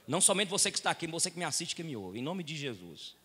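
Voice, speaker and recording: Brazilian pastor preaching in an echoey church. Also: male voice, sing-song, rapid-fire, slightly rough. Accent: Brazilian Portuguese. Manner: swings from quiet low storytelling to loud shouted appeals. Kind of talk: sermon. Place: church hall with long reverb.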